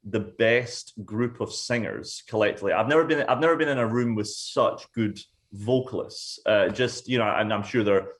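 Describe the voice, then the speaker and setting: Young male singer from Scotland, slightly low voice, loose and halting delivery full of restarts. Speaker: singer, guest. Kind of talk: casual interview.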